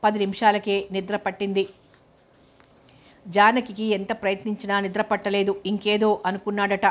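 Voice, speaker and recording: A woman narrates a novel in a steady, measured reading. Her pitch sits in the middle range, and her melody barely moves, so the narration comes across as level and even throughout. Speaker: audiobook narrator.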